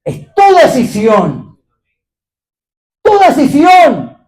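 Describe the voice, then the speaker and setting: Pastor guy preaching hard, voice swoops up and down all over, keeps tossing questions at the crowd. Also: extremely high pitch. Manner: animated, exclaiming hallelujah, questioning the congregation. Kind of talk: fiery sermon. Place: church gathering.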